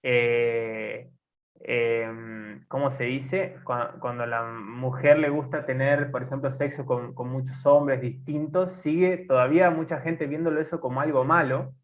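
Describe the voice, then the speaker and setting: A man in his twenties with an Argentine accent, co-hosting a casual podcast and talking haltingly with many fillers and restarts. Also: medium pitch, steady tone. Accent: Argentine Spanish. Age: 20s. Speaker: podcast co-host. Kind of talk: casual conversation. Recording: tinny phone-like sound.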